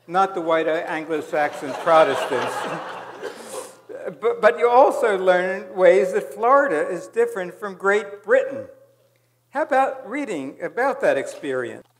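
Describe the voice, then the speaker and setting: A male host questions his guest on stage in a friendly, conversational way. His voice sits notably high for a man. A long hall reverb trails behind him. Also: lively intonation, slow pace, a little hiss or hum. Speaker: event host. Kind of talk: onstage interviewing. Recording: hall reverb from live event.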